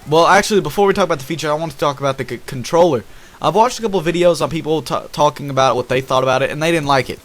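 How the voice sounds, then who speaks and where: A man's voice: a little high, racing. Young man, gaming commentary, enthusiastic, rambling, talks to viewers. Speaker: gaming YouTuber. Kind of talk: casual commentary over gameplay.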